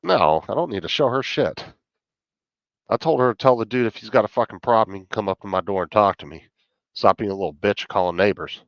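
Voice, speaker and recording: A man's voice: fairly low pitch, lively intonation, a little fast. A middle-aged man chatting casually on a live stream, blunt and heavily profane as he rants. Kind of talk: casual chat. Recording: muffled, echoey room sound.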